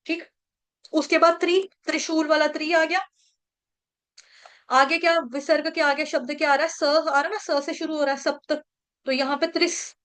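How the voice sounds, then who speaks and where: A woman's voice: high-pitched, fairly bright tone. A woman teaching an online scripture class, patiently breaking verses into syllables and chanting them for students to repeat. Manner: patient, coaching pronunciation syllable by syllable.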